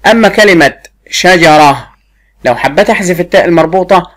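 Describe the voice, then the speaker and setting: A woman teacher with an Egyptian Arabic accent, giving a first-grade lesson and drilling a pupil with repeated questions while drawing words out slowly. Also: fairly low pitch. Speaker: primary school teacher.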